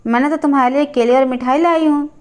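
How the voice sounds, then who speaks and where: A woman storyteller voicing a gentle, concerned aunt who keeps asking what is going on. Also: sits high, steady tone, fast, pitched above the performer's own voice, lightly acted. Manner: gentle, questioning.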